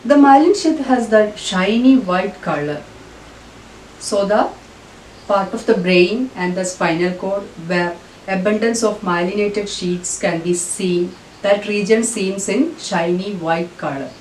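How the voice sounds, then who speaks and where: A woman's voice: mid-range voice, slow pace, a little mellow. A woman with a Malayalam accent teaching a school biology lesson in a didactic way, rephrasing her points as she explains. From Kerala, India. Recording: roomy, distant mic with faint noise.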